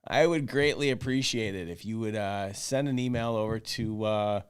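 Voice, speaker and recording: A man's voice: lowish voice, normal speed, clear, resonant tone. A man hosting a casual podcast, making announcements in a loose way with many restarts. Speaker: podcast host.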